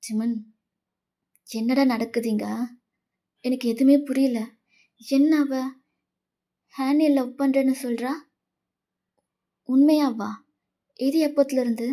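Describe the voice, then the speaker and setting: A woman's voice: high voice, steady tone, takes it slowly, long pauses, mellow. A woman voicing an earnest young man who urgently comforts and reassures a friend, in a fan fiction voice-over. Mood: shocked.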